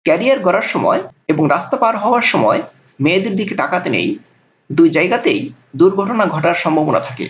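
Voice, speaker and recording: A man's voice: sits high, big pitch swings, a little fast, dull audio. A man, a college language lecturer, explaining spelling rules step by step with many examples in a recorded lesson. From Bangladesh.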